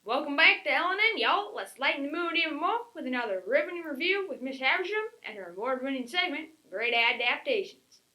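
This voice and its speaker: A woman's voice: high voice, animated, a little fast, few pauses, pushed and bright, low-quality recording. A woman playing a cheerful, naive country boy anchor with a put-on drawl. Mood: folksy. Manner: folksy, eager.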